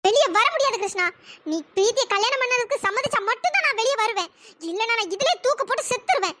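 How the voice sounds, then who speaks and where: A voice actor playing a stubborn, melodramatic middle-aged mother in a cartoon drama, with a pitch-raised voice. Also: lively intonation, fast talker, pushed and bright, full character voice. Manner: melodramatic, pleading and threatening.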